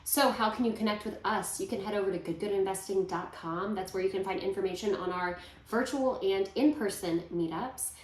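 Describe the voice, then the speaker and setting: A woman's voice: medium pitch, brisk, hardly any pauses. Chatty woman podcast co-host, roomy sound. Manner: chatty, playful, self-aware. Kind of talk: casual podcast chat. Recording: roomy echo.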